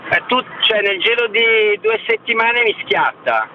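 A man's voice: high voice, sing-song, unhurried. A man calling in over the phone on Bluetooth, chatting and rambling through long lists about his balcony plants. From near Milan. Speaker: caller. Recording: muffled phone line with faint noise.

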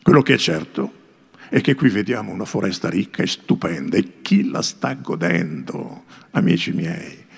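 A man's voice: on the low side, big pitch swings, normal speed, vocal fry, breathy edge, heavily acted. A man doing a scornful, boastful young prince. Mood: scornful boasting. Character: arrogant mocking young male prince.

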